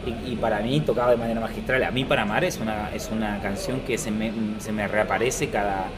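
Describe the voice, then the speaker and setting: A man's voice: on the low side, fairly even intonation, brisk, over a noisy crowd, low-quality recording. A man, co-hosting a casual podcast discussion and thinking aloud with many fillers. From southern Chile. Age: 30s. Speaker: podcast co-host.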